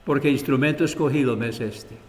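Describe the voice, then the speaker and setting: Preacher voicing the Lord, low and solemn. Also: male voice, a little fast, big-room sound, close to an everyday voice. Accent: Costa Rican. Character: the Lord speaking calmly and with authority.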